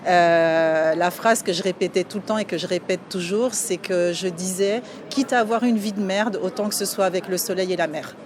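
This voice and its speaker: A woman's voice: lowish voice, normal speed, few pauses. A woman in her forties from France, answering interview questions casually and hesitantly, with many filler sounds and restarts. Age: 40s. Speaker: interview guest. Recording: clear outdoor street noise behind.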